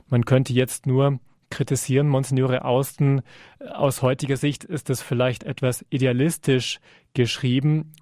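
A man hosting a radio program, introducing a book and asking a guest questions in a measured, formal way. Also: medium pitch, dark tone, no echo, studio quality. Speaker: radio host. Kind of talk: radio interview.

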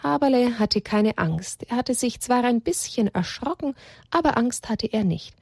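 Woman, husky voice, children's story reading, gentle, expressive, dry close sound. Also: a little high, normal speed, no echo.

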